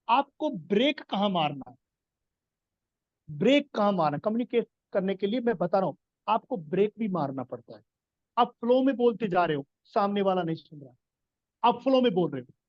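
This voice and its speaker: A man's voice: sits high, dry recording, dull audio. A man giving an earnest business coaching talk, explaining his points and repeating key phrases for emphasis. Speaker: business trainer.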